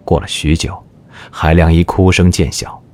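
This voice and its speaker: A man's voice: sits low, steady tone, normal speed, darkish tone. A man narrating a historical audio drama in a scripted, dramatic storytelling style. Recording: music behind the narration.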